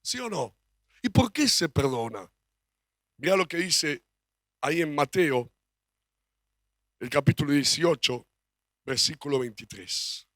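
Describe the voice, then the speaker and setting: A man's voice: fairly high pitch, lively intonation, unhurried, long pauses, a bit bright, dry recording, clean studio sound. A man with a Rioplatense Spanish accent, preaching a sermon as pastor, emphatic and full of rhetorical questions.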